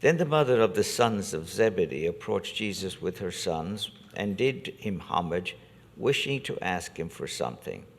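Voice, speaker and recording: A very low-voiced man leads the service as a priest, reading scripture and preaching at a steady, deliberate pace. His words ring out in a cathedral echo, with a long reverb trailing behind each phrase in a large church. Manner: measured, deliberate liturgical delivery. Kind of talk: gospel reading and homily.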